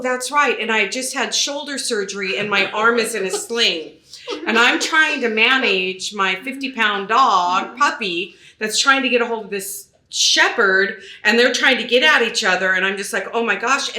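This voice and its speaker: A woman real estate agent telling a story in a panel chat, animated and acting out her own quotes. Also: fairly high pitch. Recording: roomy echo.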